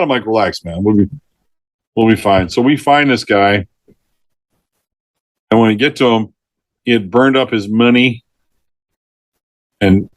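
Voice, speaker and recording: A man's voice: mid-range voice, dry recording. A middle-aged man, a retired forest ranger, telling rescue stories in a casual interview, often laughing mid-sentence and acting out what people said. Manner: lively storyteller who laughs mid-sentence and acts out quotes.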